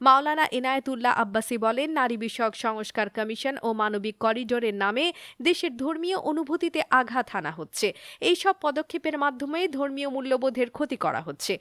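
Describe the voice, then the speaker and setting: High-voiced woman reading the news. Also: brisk, no room sound. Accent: Bangladeshi Bengali. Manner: steady formal newsreader delivery. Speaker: news presenter.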